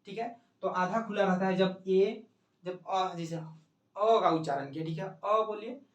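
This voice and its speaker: A man with a fairly high voice teaches an exam-prep lesson, patiently repeating key points and checking in with his listeners. He is recorded from some distance in a room with a noticeable echo. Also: fairly even intonation, a little slow, dull audio. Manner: explains step by step, asks and answers his own questions, repeats "ठीक है". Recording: echoey room, mic at a distance.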